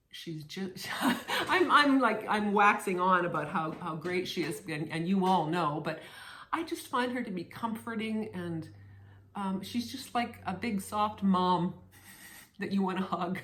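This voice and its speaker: A woman chatting casually on her cross stitch vlog, playful and warm with friends, often repeating words as she restarts. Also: lowish voice. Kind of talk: casual chat to camera. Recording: roomy echo.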